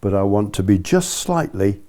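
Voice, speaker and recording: A man's voice: on the low side, sing-song, normal speed, warm tone. A British man giving an informal spoken lesson as a ski instructor, chatty and explanatory, checking in with his listeners.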